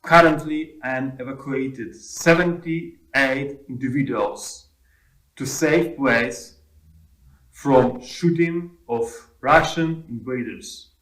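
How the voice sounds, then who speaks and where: Ukrainian guy, military chaplain reporting, slow short phrases in simple english, echoey room. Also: mid-range voice, a bit bright. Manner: deliberate, plain non-native English in short phrases. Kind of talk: short prepared video report. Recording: roomy, echoing sound.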